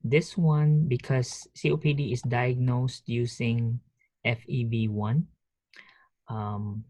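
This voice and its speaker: A male professor lectures from his office through a headset mic on a video call. He speaks in a halting way, often pausing on fillers and restarting phrases. The sound is dry and close, with no room echo. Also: medium pitch, level tone, dark tone. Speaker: nursing professor. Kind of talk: online lecture.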